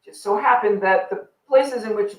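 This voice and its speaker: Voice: medium pitch, moderate pace. Wry guest explaining from a distance. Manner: explanatory, wry, with many "right?" check-ins. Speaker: guest expert. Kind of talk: live panel discussion. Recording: roomy sound from a distance.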